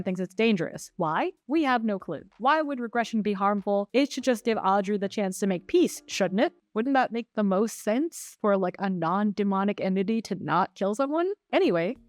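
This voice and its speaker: A woman's voice: medium pitch, dry recording. Sarcastic woman reviewing a film. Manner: sarcastic, exasperated, freely swearing; rhetorical questions. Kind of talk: scripted movie review narration.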